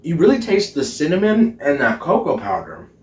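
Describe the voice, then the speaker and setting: A young man in drag chats on his home cooking vlog, bubbly and giggly, swearing often as he samples food and using a mock Irish lilt. His fairly high voice swoops wildly and moves at normal speed. He is far from the camera mic, a few feet off, so the kitchen echoes roomily.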